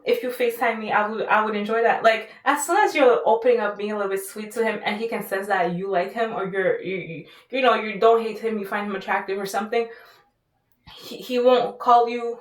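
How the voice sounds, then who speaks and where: A woman talks through dating advice in a loose, rambling monologue full of fillers, slipping into little acted-out quotes. Her voice sits at a middle pitch and sounds a bit distant from the mic. The room around her is bare and echoey.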